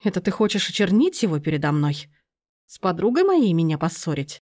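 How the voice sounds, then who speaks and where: A woman reading aloud and voicing a domineering middle-aged aunt who bursts into shrill, indignant outbursts. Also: very animated, fairly quick, darkish tone.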